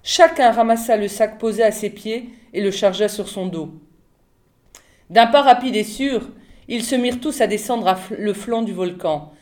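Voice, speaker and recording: Woman, audiobook reader, calm measured narration, novel read aloud. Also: mid-range voice.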